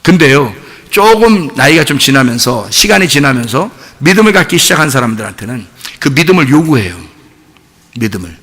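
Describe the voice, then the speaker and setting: A male pastor preaching a sermon in church. He keeps asking the congregation questions and at times breaks into shouting. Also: medium pitch, a little fast. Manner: animated, rhetorical questions to the congregation, bursts of shouting.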